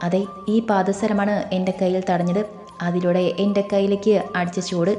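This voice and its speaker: A woman's voice: mid-range voice, flat delivery, moderate pace, dark tone, natural voice. A woman voicing an earnest young man who speaks urgently and explains, recorded in a roomy space with faint music.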